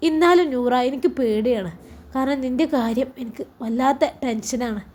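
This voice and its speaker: A woman's voice: high-pitched, normal speed, darkish tone. A woman voicing a protective young husband who scolds and fusses, in a Malappuram Malayalam accent. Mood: worried. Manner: scolding, fussy.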